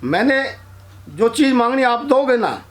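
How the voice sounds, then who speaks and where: A grateful frog posing as a little brother in a spoken folk tale, as a man voices him. He speaks earnestly in a high, plain storytelling voice that is barely changed. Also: very animated, a little slow, exaggerated voice.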